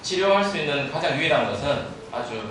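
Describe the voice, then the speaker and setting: Male lecture interpreter, halting, English terms mixed in, heard from afar in a heavily reverberant room with faint noise. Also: on the high side, animated. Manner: halting, mixes English terms into Korean, restarts phrases. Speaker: interpreter and medical researcher. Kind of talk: consecutive interpreting at a medical lecture. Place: large echoing room at a talk. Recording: very echoey room, distant mic, faint noise.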